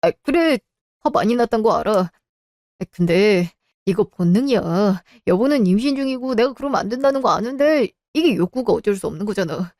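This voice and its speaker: A woman's voice: medium pitch, lively intonation, fairly quick, a little mellow, dry recording, natural voice. A woman voicing a cheating husband who makes excuses and begs, in a radio drama. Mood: defensive. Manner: wheedling, excuses. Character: cheating husband, evasive and pleading.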